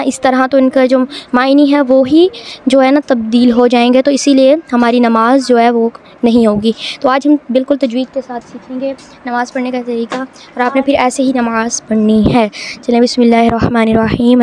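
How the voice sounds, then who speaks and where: Woman teacher, high flat voice, patient step-by-step lesson, faint hiss behind. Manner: patient, explains step by step, draws out words slowly. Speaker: Quran reading teacher. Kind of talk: home video lesson.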